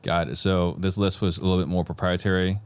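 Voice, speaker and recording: A man's voice: sits low, little pitch movement, fast talker, clean tone, dry recording. A man hosting a podcast interview in an easygoing way, often stumbling over and repeating his words. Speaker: podcast host. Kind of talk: casual interview.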